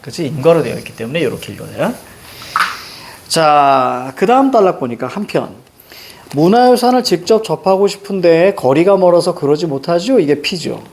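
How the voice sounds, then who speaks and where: Middle-aged guy teacher going over test answers in class, keeps asking "right?", voice sits kinda high. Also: expressive, normal speed, a little mellow, slight background noise. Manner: teacherly, prompting students with repeated tag questions. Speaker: Korean language teacher. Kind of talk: lecture explaining exam questions. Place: classroom with a blackboard.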